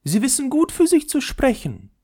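A vain young lady ball from a storybook, coy and haughty, her voice pitched very high and swooping around, as a man puts her on. There is a gravelly grain under the falsetto, and the sound is dry and close. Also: huge pitch swings, normal speed, dark tone, no room sound, full character voice. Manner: coy, affected and self-important.

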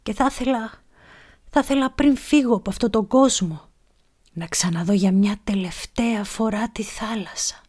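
A woman's voice: mid-range voice, steady tone, dark tone, lightly acted. A woman voicing a dying old pirate, speaking faintly in a whisper in a storybook. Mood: feeble. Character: dying old male pirate, weak and sly.

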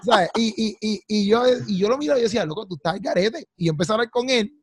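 A young man with a Puerto Rican accent, telling animated stories in a casual chat and calling his friends "loco" and "papi". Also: high voice, fast, husky. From Puerto Rico. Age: young adult.

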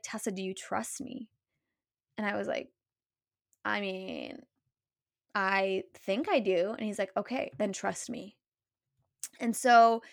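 A young woman, a podcast guest, retelling her story in a casual, animated way, acting out what others said, with many fillers. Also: mid-range voice, no room sound, clean studio sound. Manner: animated retelling with many likes and quoted voices.

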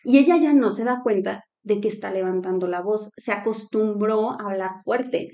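A woman's voice: mid-range voice, normal speed. A woman co-hosting a casual faith-based talk show, telling stories and laughing often. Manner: storytelling, laughs often, animated quotes. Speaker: co-host.

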